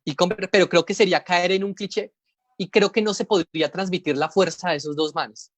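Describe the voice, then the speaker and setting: A man's voice: high-pitched, fairly even intonation, brisk, fairly bright tone, no echo. A Colombian man, a comics editor, talking casually over a video call, rambling and explaining things step by step. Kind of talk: casual panel talk.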